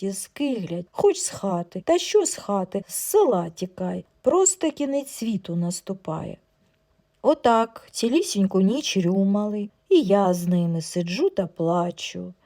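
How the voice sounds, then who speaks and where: A woman reads a humorous folk story aloud, lively and expressive in the telling. Her tone is mellow and soft-edged at a middling pitch. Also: a little slow. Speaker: audiobook narrator. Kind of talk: storytelling audiobook narration.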